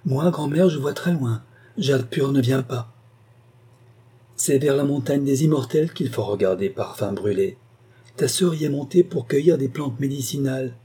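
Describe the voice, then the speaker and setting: A man voicing a small, excitable boy who is easily frightened, with a shrill, eager way of talking. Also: moderate pace, breathy edge, lightly acted.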